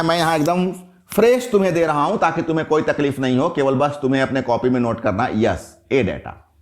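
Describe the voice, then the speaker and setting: Male physics teacher, middle-aged, quizzing the class, animated rising and falling delivery. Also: a little high. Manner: lively, questions the class and answers himself. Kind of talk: classroom lecture.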